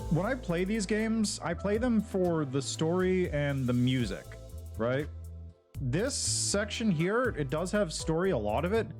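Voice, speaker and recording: A man's voice: fairly high pitch, darkish tone. A man streaming a game, chatting loosely through a headset mic as he plays, with lots of "like" and restarts. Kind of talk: casual livestream chat over gameplay. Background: game music.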